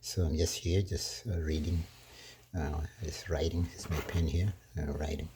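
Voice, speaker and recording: A deep-voiced Kenyan man records a casual cooking vlog monologue in his home kitchen. He talks slowly and rambles, filling gaps and laughing softly, his tone steady against background noise.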